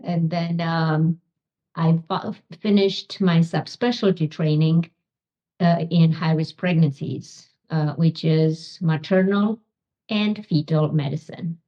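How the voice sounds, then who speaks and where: A middle-aged woman from Romania, a physician and author, answering interview questions slowly with many pauses and ums. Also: low voice, steady tone, mellow, highs cut off. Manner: slow, halting, many ums.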